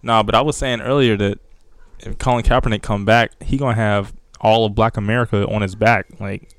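A man's voice: lowish voice, steady tone, a little fast, dry recording. A man co-hosting a casual sports podcast, laid-back and slangy, laughing often. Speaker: podcast co-host.

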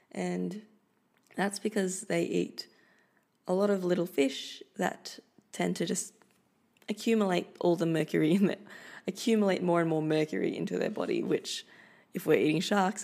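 Recording in Australia, this podcast host is a young woman from the Philippines, a native Filipino speaker, delivering a solo monologue. Her voice sits low, creaky and darkish in tone, and her manner is casual and chatty, punctuated by soft laughs.

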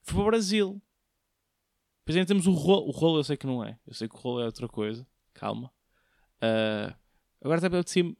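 In a slightly high voice, a young Portuguese solo host jokes his way through casual, slangy chat, often asking his audience questions. The studio audio is clean, lacking any room sound.

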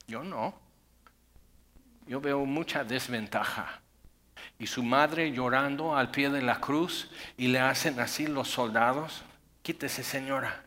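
A man preaching a sermon, animated, swinging from loud bursts to hushed intensity. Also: medium pitch, slow. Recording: long hall reverb.

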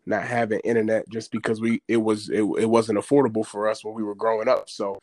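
A man's voice: lowish voice, fairly even intonation, brisk, darkish tone, no room sound. Podcast guest calling in on a remote line: man, dry, close sound, easygoing slang storyteller. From Maryland area, US. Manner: laid-back, slangy storytelling. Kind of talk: casual interview chat.

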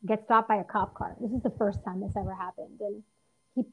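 Female interview guest, earnest, animated storyteller, restarts often; slightly dull lo-fi recording. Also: medium pitch, brisk, husky. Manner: earnest, lively, frequent restarts and fillers. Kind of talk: personal storytelling in conversation.

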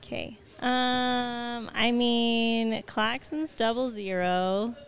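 A woman's voice: on the high side, fairly even intonation, extremely slow, soft background music. A woman with an Australian accent, a playful guest answering quiz questions on a podcast. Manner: playful, giggly. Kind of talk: casual chat.

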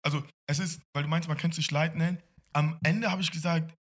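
A man's voice: a little high, fairly even intonation, fast talker. A man from Congo, a DJ guest on a podcast, talking casually and emphatically and slipping in English phrases. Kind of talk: casual chat.

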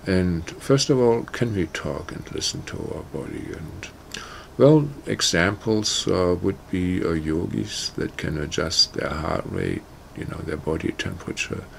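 A man introducing a guided meditation in a casual, halting way, full of "you know" and "uh". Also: low voice, vocal fry, a little hiss or hum. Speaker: meditation teacher. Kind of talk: casual spoken talk.

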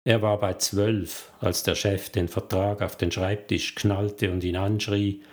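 A male audiobook narrator reading a thriller in a measured, deliberate way. His voice is lowish and his pace is very unhurried. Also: little pitch movement.

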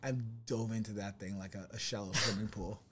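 A man's voice: on the low side, steady tone, a little fast, heavy background noise. A man co-hosting a casual podcast, joking crudely, swearing a lot and laughing often. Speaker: podcast co-host.

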